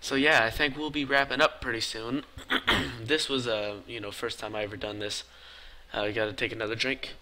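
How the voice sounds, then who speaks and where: A tired man talking quietly and casually as he narrates a building game in his video. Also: level tone, fairly quick, low-quality recording. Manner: talks quietly and low-key because it is late. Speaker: gaming video creator. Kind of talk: casual gameplay voice-over.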